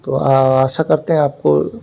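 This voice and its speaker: A middle-aged man teaching a grammar lesson slowly, pausing on fillers and sounding out letters one at a time. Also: on the high side, level tone, vocal fry, warm tone, a little hiss or hum, low-quality recording. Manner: halting, many "a" fillers, spells out sounds one by one. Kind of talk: slow explanatory lesson.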